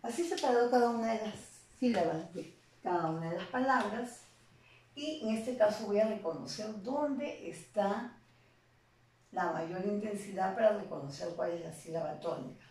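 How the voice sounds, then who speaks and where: A woman teacher with a Peruvian Spanish accent, explaining a lesson slowly and deliberately, often asking rhetorical questions. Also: mid-range voice, a little mellow, distant mic. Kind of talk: classroom lesson. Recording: very echoey room, voice off-mic.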